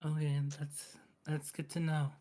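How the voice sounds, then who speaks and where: A man voicing a nervous young lycanthrope student in a tabletop game, halting and deferential. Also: fairly high pitch, completely flat delivery, dark tone, close to an everyday voice.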